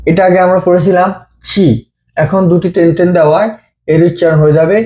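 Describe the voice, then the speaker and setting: Guy teaching japanese letters, mellow voice, slow and patient, repeats every sound. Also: sits high, steady tone. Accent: Bengali. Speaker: language teacher. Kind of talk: step-by-step script lesson.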